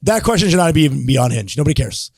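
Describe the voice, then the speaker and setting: A young man co-hosting a casual dating podcast, loud and crude, joking and laughing often. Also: fairly high pitch, sing-song, very fast, vocal fry, no echo, studio quality. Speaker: podcast co-host.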